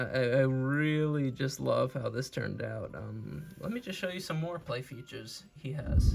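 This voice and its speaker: A man's voice: medium pitch, creaky, darkish tone. A man giving a casual, earnest and enthusiastic hobby review as host, repeating himself, his speech affected by recovery from wisdom tooth removal. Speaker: toy reviewer and channel host.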